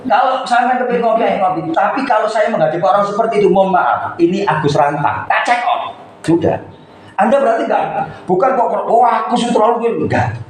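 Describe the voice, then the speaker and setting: A man coaching members at a meeting, chatty and lecturing, with lively asides. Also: sits high, quick pace, slight background noise. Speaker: coordinator of a local radio community. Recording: echoey room, faint background ambience.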